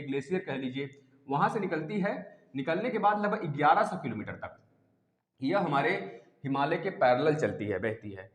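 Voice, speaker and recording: Man teaching in an echoey room. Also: a little high. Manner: repeats key terms and quizzes students. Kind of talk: exam-prep geography lecture. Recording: echoey room with long reverb.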